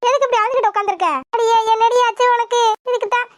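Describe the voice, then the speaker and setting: A woman's voice: very high voice, fairly even intonation, quick pace, a little hiss or hum, pitched above the performer's own voice. A woman voicing a fussy, superstitious old village grandmother in a cartoon, who scolds and frets in a nagging way. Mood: scolding. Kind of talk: cartoon voice acting.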